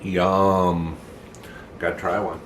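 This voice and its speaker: A man's voice: low voice, flat delivery, slow, a little hiss or hum. A man hosting a casual home cooking video, easygoing and plainspoken as he walks through a family recipe. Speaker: home cook, channel host.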